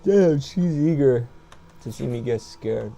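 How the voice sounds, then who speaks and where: A man's voice: mid-range voice, animated, a little slow, creaky, noisy background. Jumpy man playing a horror game. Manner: jumpy, easily scared, exclaims loudly. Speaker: gamer. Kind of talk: horror game playthrough commentary. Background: game music.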